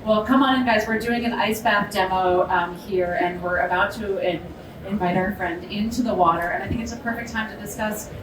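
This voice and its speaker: A woman's voice: mid-range voice, fairly even intonation, fairly quick, a crowd in the background. A woman hosting a live demo in a casual, chatty and upbeat presenting style. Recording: echoey, distant mic, noisy background.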